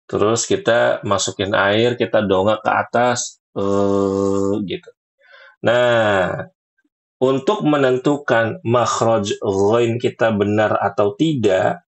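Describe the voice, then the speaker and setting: A man with a low, gravelly voice teaches pronunciation to women in an easy, chatty tone. He talks slowly and sounds out each letter several times. He makes playful asides as he explains. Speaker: Quran recitation teacher. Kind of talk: relaxed teaching talk to women.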